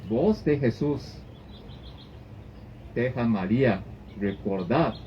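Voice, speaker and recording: A man preaching a sermon as pastor, in halting phrasing that often restarts and repeats. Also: medium pitch, animated. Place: church service. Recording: dull lo-fi recording with faint noise.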